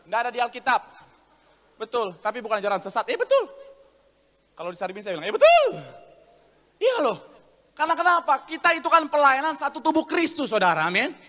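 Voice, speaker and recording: High, bright-voiced preaching man. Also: fast. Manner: animated, acts out voices of people in his stories; jokes with the congregation. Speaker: pastor. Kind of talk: sermon. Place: church sanctuary. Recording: long church hall reverb.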